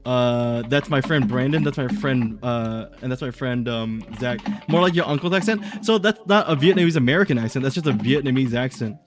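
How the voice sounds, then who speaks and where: A man's voice: medium pitch, brisk, hardly any pauses, music in the background. Chatty male livestream host. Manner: rambling, chatty, reads chat aloud. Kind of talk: casual stream chat.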